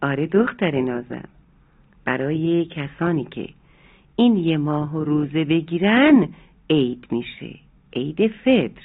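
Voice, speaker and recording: Narrator as a gentle loving mother. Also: medium pitch. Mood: tender, calm. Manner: calm, tender explaining. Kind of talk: children's storybook reading. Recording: narrow phone-like sound, faint music.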